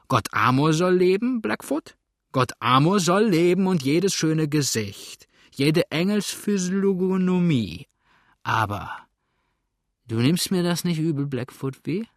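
A man voicing a drunken, boastful young dandy who slurs his words slowly and swoops up high, tossing in French phrases. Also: fairly bright tone, dry recording, clean studio sound, full character voice. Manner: slow slurred speech with wild high swoops, sprinkles French. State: drunk, slurring. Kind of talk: audiobook character voice.

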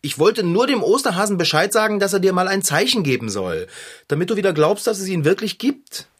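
A good-hearted bicycle mechanic in a radio play, kindly and a bit naive. His voice is husky, and his pitch rises and falls in a lively way. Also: a little fast, heavily acted. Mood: earnest. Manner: warm-hearted and a little naive. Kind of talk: audio drama acting.

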